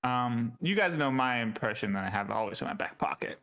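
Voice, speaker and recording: A man's voice: mid-range voice, expressive, brisk, fairly bright tone. Dry-witted podcast co-host man. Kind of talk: casual comedy podcast chat.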